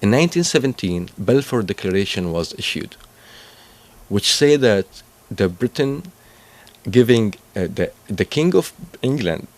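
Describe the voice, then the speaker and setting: Low-voiced man. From Palestine and Syria. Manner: halting, searching for words, frequent restarts. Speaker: interview guest. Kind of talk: explanatory interview answers.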